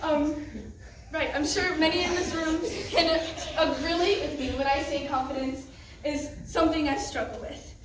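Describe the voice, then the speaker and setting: Teen girl, high and earnest, emotional youth-group testimony in an echoey room, mic far off. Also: fairly even intonation, normal speed, background noise. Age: teens. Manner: earnest, emotional, laughs nervously. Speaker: youth group student speaker. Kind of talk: personal testimony talk.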